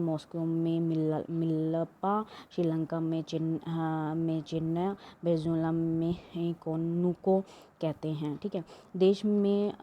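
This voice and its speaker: A woman's voice: fairly low pitch, muffled recording. A woman teaching an exam-prep lesson, reading questions aloud and explaining them with many fillers and restarts.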